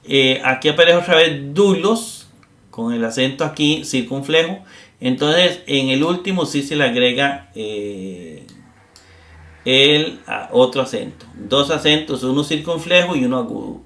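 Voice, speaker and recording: A man's voice: medium pitch, unhurried, a bit bright, roomy sound. A man teaching a grammar lesson, explaining step by step and often checking in with his listeners. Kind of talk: classroom lecture.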